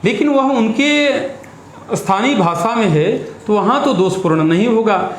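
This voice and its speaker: A man speaks in a measured, instructive manner, explaining ritual practice and slipping in Sanskrit terms. His voice sits a little high. The room is echoey, with faint noise behind him. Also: lively intonation. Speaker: astrologer and priest guest.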